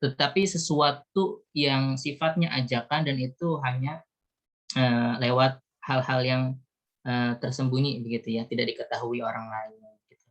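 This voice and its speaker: Measured man explaining scripture. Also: medium pitch, steady tone. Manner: measured, explanatory, tags phrases with "you see". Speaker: religious teacher. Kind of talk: online Quran study talk. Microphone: video call.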